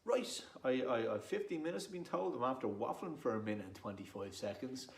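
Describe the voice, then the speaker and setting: A brisk, animated Dubliner with a mid-range voice and a Dublin accent casually introduces himself to camera as a poet and performer. He rambles and runs himself down in a self-deprecating way. The audio is roomy and echoey, with clear background noise.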